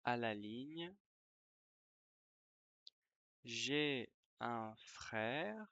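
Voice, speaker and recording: A teacher dictating slowly to language learners, word by word, repeating phrases and calling out punctuation. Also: medium pitch, lively intonation, fairly bright tone, no room sound, dull audio. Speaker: French teacher.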